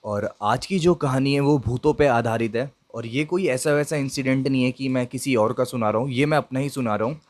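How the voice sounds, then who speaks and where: A man's voice: mid-range voice, fairly quick, few pauses, darkish tone. Young man casually telling a ghost story. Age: young adult. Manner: chatty, addresses viewers, frequent filler checks. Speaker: YouTube storyteller. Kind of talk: casual first-person ghost story narration.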